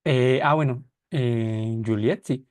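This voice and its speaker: A man's voice: medium pitch, slow, a little mellow, smooth. A man teaches a class over a call. He explains in loose, rambling steps, often stopping to correct or rephrase himself. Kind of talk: online class lecture.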